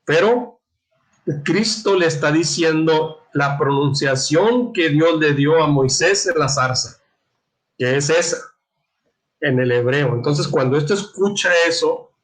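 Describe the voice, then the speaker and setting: A man leads a Bible lesson in a fairly high voice. He talks in a halting way, repeating words and often clearing his throat. He checks in with his students as he explains. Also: rough recording. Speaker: catechism teacher. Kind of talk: Bible class lecture, reading and explaining.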